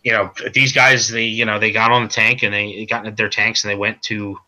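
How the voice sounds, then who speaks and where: A man being interviewed as a comic creator, talking in a halting way with many repeated words and restarts. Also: lowish voice, level tone, pushed and bright, low-quality recording. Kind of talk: casual stream interview.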